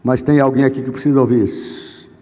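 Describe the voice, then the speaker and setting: A man's voice: medium pitch, fairly even intonation, quick pace, mellow. A Brazilian man preaching as a pastor, telling a story dramatically and acting out the dialogue. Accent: Brazilian Portuguese. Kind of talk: sermon storytelling. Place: church. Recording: long reverb in a church hall.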